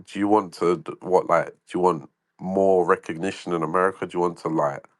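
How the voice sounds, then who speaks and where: A man's voice: deep voice, fairly even intonation, a little fast, no room sound. A man calling into an audio chat, asking curious questions hesitantly with lots of fillers. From London, England. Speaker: caller in an audio chat room. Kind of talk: casual chat.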